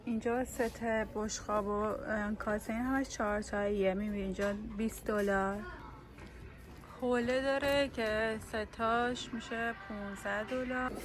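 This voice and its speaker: A woman's voice: fairly high pitch, steady tone. A woman from Iran chatting casually as she films a vlog on a phone, showing things around her home and a large store. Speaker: vlogger. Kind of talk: casual chat. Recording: echoey room with clear background noise.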